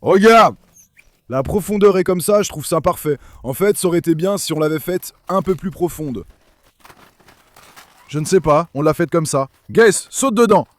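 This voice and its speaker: A man's voice: a little high, moderate pace, no room sound. A young man vlogging casually from his backyard pool, calling and coaxing his dogs with affection. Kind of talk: casual vlog chat.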